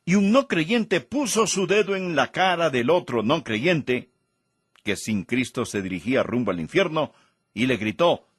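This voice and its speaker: Slow, emphatic husky male preacher. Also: on the high side, very animated, dry recording, studio quality. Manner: emphatic, rising and falling for stress. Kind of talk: sermon.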